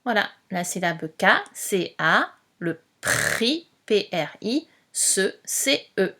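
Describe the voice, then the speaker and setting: Woman, teacher, dictation lesson, very slow, patient, spells letters out, mid pitch. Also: lively intonation, fairly bright tone.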